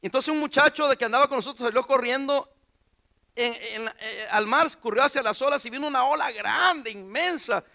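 A man's voice: very high-pitched, brisk, creaky, bright, forceful tone. A pastor preaching an informal sermon in a church, joking and putting questions to his congregation.

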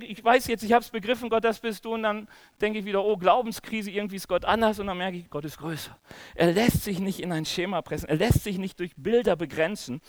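A man preaching a sermon in a lively, casual way, often putting direct questions to his listeners. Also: high-pitched, no echo.

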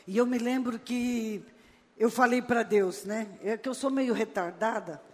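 A woman's voice: fairly high pitch, unhurried, a little hiss or hum. An older woman preaching a sermon as a missionary, telling stories and acting out quoted prayers and dialogue. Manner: lively storytelling that acts out quoted prayers and dialogue. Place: church sanctuary. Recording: long reverb of a church hall.

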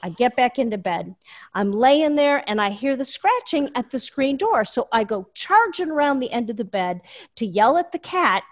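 A woman telling a personal story in casual chat, animated and full of fillers. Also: a little high, normal speed. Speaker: guest storyteller.

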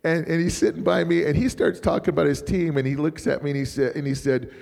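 A middle-aged male pastor with a gravelly, slightly raised voice preaches in a loose, storytelling way, rambling and chuckling as he goes. His voice rings with the long reverb of a church hall. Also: a little high, fairly even intonation, fast talker, a little mellow. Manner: rambling, chatty, laughs often. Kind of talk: informal sermon storytelling.

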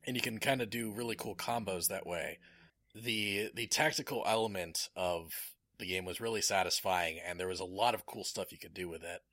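A man's voice: deep voice, moderate pace, a bit bright, no echo. A man chatting casually as a podcast host, enthusiastic and rambling, with many fillers. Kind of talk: casual chat.

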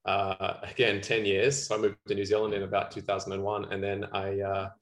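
A man's voice: lowish voice, completely flat delivery, a little fast, reverberant. A man with an Australian accent, a guest on a podcast talking in a friendly, chatty way with lots of "uh" fillers. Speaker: guest, commercial photographer. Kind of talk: casual podcast conversation.

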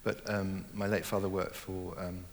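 A middle-aged man talks through his ideas in an interview, slowly and reflectively, often pausing and restarting his sentences. His voice sits fairly low. The room has a long reverb and a faint hum in the background. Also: flat delivery, creaky. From born in Germany, raised in Hong Kong. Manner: thoughtful, hesitant, many fillers and restarts. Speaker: novelist, interview guest.

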